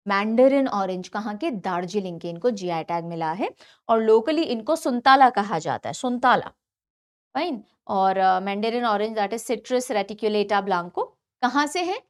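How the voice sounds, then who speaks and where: A woman exam-prep teacher with a fairly high voice. She talks in an animated way, repeats key names over and over, and drops English terms into her Hindi. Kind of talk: online lecture for competitive exams.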